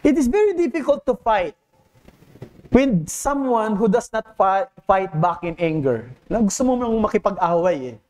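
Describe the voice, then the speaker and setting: A man's voice: high-pitched, animated, normal speed, a little mellow. A man with a Filipino accent preaching a sermon as pastor. He mixes Tagalog and English and keeps asking the congregation rhetorical questions in an earnest, teacherly way. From Philippines.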